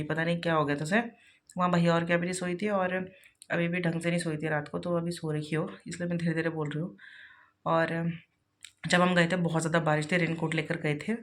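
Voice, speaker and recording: Woman, 30s, casual vlog narration; gravelly, flat delivery, rambling. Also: lowish voice. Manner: chatty, rambling, many fillers. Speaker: vlogger and mother.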